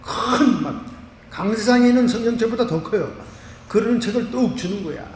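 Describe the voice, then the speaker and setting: A Korean man, a pastor, preaching a lively sermon full of homely examples. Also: sits high, moderate pace, slight background noise. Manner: animated preaching with vivid everyday examples. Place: church sanctuary. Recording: roomy church hall from a distance.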